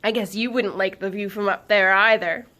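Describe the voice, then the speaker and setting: A woman reading aloud voices a bold, fearless girl who talks loudly and bubbly and never keeps her voice down. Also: medium pitch, fairly even intonation, moderate pace, natural voice. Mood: thrilled. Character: bold, loud tomboyish girl who loves danger.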